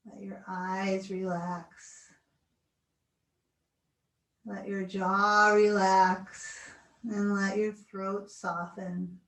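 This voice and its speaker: A woman leading a guided relaxation as an instructor, speaking in a soothing, gentle, unhurried way. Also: mid-range voice, level tone. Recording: roomy echo, distant mic, video call recording.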